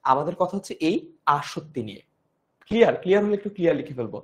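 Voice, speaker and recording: A man's voice: a little high, sing-song, racing. A young man with a Bangladeshi Bengali accent teaches a live online grammar class; his throat is strained and he explains patiently, repeating key points and checking in with "okay?". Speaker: online tutor.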